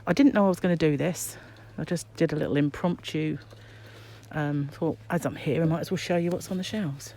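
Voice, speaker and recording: A woman's voice: low-pitched, brisk, mellow. Muffled British woman talking through a face mask. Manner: musing aloud to herself. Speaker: crochet vlogger. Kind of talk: casual shopping vlog, chatty commentary. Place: inside a shop aisle. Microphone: handheld phone, behind the camera. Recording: background noise, shop ambience.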